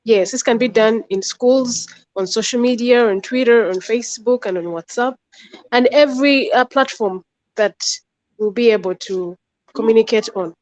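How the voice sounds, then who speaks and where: A woman from Uganda, a youth delegate, listing her points briskly. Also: on the high side, a little mellow, muffled recording.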